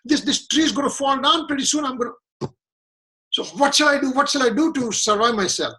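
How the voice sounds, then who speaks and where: A man's voice: high voice, expressive, unhurried, fairly bright tone. A man voicing a terrified man hanging from a dry tree over a canyon, pleading frantically for help. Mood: frantic.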